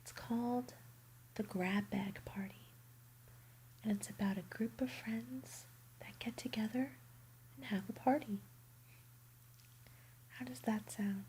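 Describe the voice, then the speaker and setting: Slow, soothing whispering woman. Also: fairly high pitch, steady tone, a little mellow, slight background noise, poor audio. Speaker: ASMR roleplay performer. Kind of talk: ASMR bedtime roleplay.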